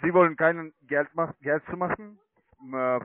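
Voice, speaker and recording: A man with a fairly high voice makes a sales call at normal speed, offering online trading account services. He is not a native German speaker and sounds hesitant and broken. The audio has no echo but comes through a tinny, narrowband phone line.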